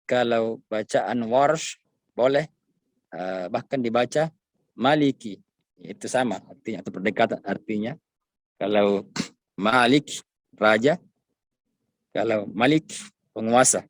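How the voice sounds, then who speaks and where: A man teaching Quranic recitation in an online lesson, patiently showing each sound slowly and correcting it, sometimes breaking into a drawn-out melodic chant. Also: lowish voice, dry recording.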